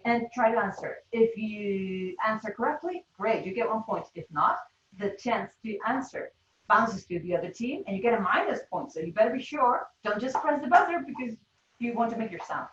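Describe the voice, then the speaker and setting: Brisk woman trainer in an echoey room. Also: fairly high pitch, lively intonation. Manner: brisk, instructive, laughs often. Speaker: teacher trainer. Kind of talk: leading a classroom game demo. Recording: roomy, distant, dull classroom sound.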